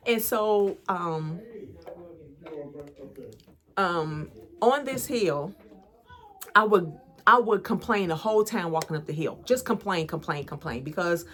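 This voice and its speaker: A woman's voice: lowish voice, a bit bright. An American woman, an empowerment coach and channel host, giving an earnest, conversational inspirational talk about faith straight to camera. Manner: earnest, conversational, preacher-like encouragement.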